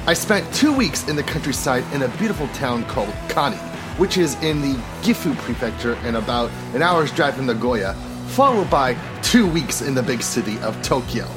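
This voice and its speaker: A man hosting a podcast in a scripted, theatrical emcee style, playing up a mock-king persona, with music behind him. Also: mid-range voice. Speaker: podcast host. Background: background music with guitar.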